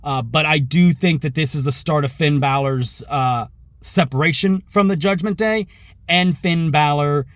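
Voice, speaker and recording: The host of a wrestling reaction show offers casual opinion commentary to viewers in a fairly high, slightly hoarse voice. He takes his time, drifting into asides and correcting himself along the way. The recording is dry and close, with no room sound.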